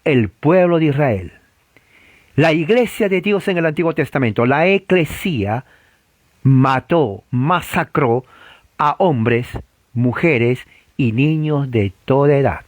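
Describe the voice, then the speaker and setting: Animated and slow-paced, a man preaches a provocative sermon packed with rhetorical questions, his volume swinging between loud and low. There is no echo in the recording.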